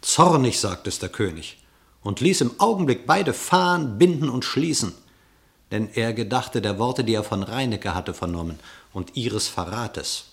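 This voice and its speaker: A male narrator reads a classic verse fable for a radio play with dramatic storytelling expression. His creaky voice has lively intonation and rises and falls widely in pitch, at a measured pace.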